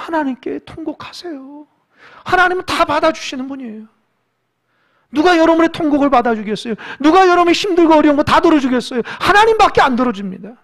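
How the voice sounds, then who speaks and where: A pastor preaching a sermon in a lively way, putting questions to the congregation and exhorting them. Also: medium pitch. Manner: animated, asks the congregation questions; exhorting, with quiet stretches.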